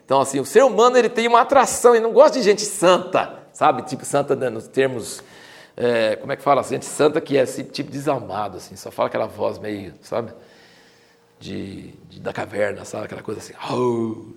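A man with a Brazilian Portuguese accent teaching the Bible in a conversational, informal way, reading scripture slowly and emphatically and dwelling on its irony. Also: mid-range voice, vocal fry. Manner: animated, informal, leans into irony and sarcasm.

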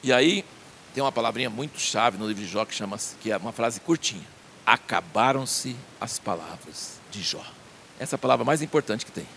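A man's voice: mid-range voice, lively intonation, fast talker, vocal fry, a bit bright, slight background noise. A man preaching a sermon in a conversational way, asking his listeners questions.

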